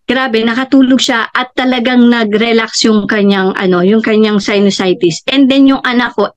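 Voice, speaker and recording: A middle-aged woman with a high voice tells her family's story as a personal testimonial, full of animated retellings. Her pitch leaps even higher whenever she quotes someone. The recording is dull and slightly lo-fi. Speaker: customer giving a testimonial.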